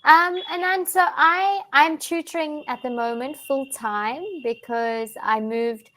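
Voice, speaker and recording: Slow-speaking South African woman tutor. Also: sits high, fairly even intonation, fairly bright tone. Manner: friendly, explains slowly with frequent restarts and fillers. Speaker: online English tutor. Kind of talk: casual online conversation lesson. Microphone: video call.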